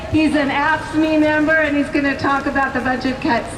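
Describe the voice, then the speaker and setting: A woman's voice: high-pitched, steady tone, normal speed. A woman emceeing a rousing union rally, leading chants and introducing speakers. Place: outdoor rally with large crowd. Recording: distant echoing outdoor PA, loud crowd.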